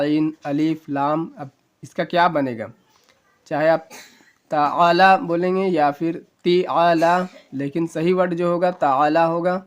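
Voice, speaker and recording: A man with a fairly high voice gives a casual video lesson. He spells words out slowly, one letter at a time. He poses questions to the learner and then answers them himself, in a patient, explanatory way. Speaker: Urdu teacher.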